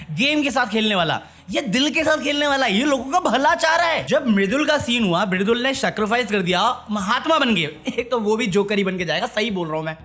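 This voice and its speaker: A man's voice: very high-pitched, fairly bright tone. A man giving a sarcastic, mocking rant as a reality-show commentary vlogger.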